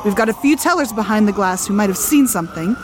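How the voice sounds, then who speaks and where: A woman's voice: medium pitch, lively intonation, fast, natural voice. A woman playing a no-nonsense investigator in an audio drama. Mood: businesslike. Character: brisk, no-nonsense female police investigator. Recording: loud sirens and vehicle noise.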